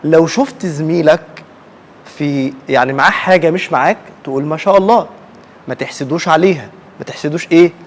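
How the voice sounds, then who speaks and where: A woman's voice: deep voice, fast talker, some chatter behind, slight background noise. A woman with an Egyptian accent teaching a class of children in call-and-response, asking questions and repeating their answers back.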